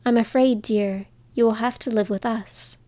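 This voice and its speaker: A woman voicing a kind-hearted little old witch woman who speaks gently and motherly in a storybook reading. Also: on the high side, steady tone, moderate pace, no room sound, close to an everyday voice. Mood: gentle.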